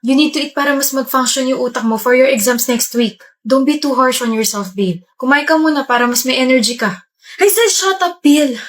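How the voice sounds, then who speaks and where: A woman with a Filipino accent acting in a comedy skit as a caring partner, speaking in a gentle, coaxing way. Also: high voice, a little fast. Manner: gentle, coaxing, mixing Tagalog and English.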